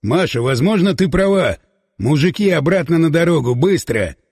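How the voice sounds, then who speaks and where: A gruff commander barking short, shouted orders, as a male audiobook narrator puts him on. The voice sits lower than the narrator's own and has a husky grain. A long reverb tail trails behind each command. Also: animated, normal speed, studio quality. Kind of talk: audiobook character voice.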